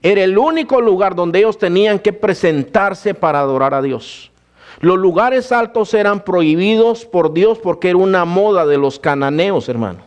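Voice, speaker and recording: A man's voice: high voice, expressive, moderate pace. Man preaching a testimony sermon. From Guatemala. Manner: addresses listeners as brother, storytelling.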